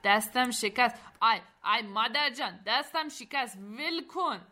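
A woman voicing a cruel, hot-tempered male smuggler in an audio story, shouting and frantic. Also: on the high side, voice pushed up. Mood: pained.

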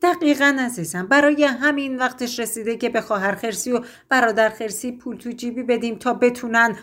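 A woman's voice: fairly high pitch, fairly even intonation, a bit bright, close to an everyday voice. Woman voicing a patient mother bear. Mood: calm. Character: calm gentle mother bear.

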